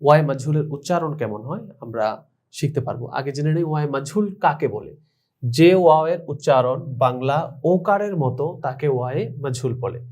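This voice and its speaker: Medium in pitch with a darkish tone, this man runs an online language lesson, addressing his students directly. He slowly spells words out letter by letter and syllable by syllable while explaining their pronunciation.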